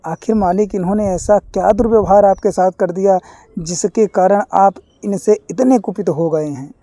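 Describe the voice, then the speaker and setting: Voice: mid-range voice, normal speed, mellow, dry recording, close to an everyday voice. A narrator voicing a young teenage village bride who pleads in distress. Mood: pleading.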